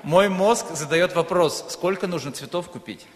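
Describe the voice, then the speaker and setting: In a church hall full of long, echoing reverb, a man from Ukraine whose native language is Russian preaches as a guest, pausing after short phrases for an interpreter. His voice sits high and moves at a normal speed.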